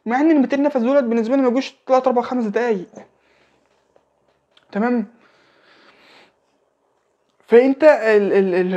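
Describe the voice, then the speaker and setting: A man's voice: extremely high pitch, warm tone, highs cut off. A young man in his late teens with an Egyptian Arabic accent giving a casual religious talk, repeating phrases and checking in with the listener. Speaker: religious advice speaker.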